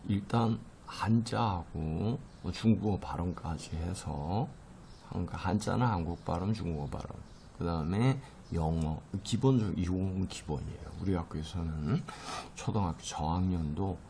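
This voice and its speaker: A man's voice: low-pitched, vocal fry, warm tone, slight background noise. A middle-aged man teaching a recorded lecture, explaining terms patiently with many fillers and stressing English words strongly.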